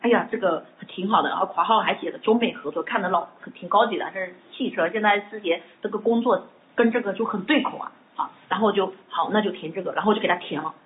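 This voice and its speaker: A woman in her thirties tells a personal faith story in a lively, exclaiming way, often repeating her words. Her voice sits at an ordinary pitch for a woman. The sound is thin and tinny, as if heard over a phone line. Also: fast. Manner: animated storytelling with many repetitions and exclamations. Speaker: church member giving a testimony.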